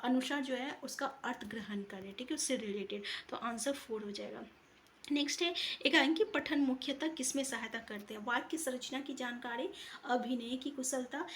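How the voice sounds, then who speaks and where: A woman's voice: high voice, a little hiss or hum. A woman teaching an exam-prep lesson, working through answers step by step and often checking in with her students. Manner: explains answers step by step, often asks "ठीक है".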